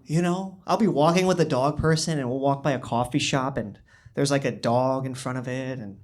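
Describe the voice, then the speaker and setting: A young man doing a stand-up comedy set in a small club, talking into a handheld microphone with a dry, understated delivery and halting restarts. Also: medium pitch, darkish tone. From born in China, raised in the US. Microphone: handheld stage microphone.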